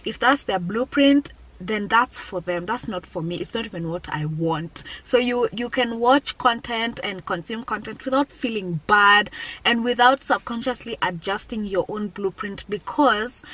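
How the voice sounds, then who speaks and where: In a low-quality recording, a vlogger in her twenties who also owns a business reflects personally and candidly for viewers. Her voice is medium in pitch, a bit bright with a breathy edge, and she frequently repeats key phrases to stress them.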